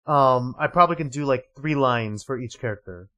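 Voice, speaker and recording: A man's voice: mid-range voice, normal speed, bright, forceful tone. A tired young man with a slightly sore throat, chatting casually while streaming and reading game dialogue. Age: young adult. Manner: rambling, many fillers, reads dialogue aloud. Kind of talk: casual live gameplay commentary.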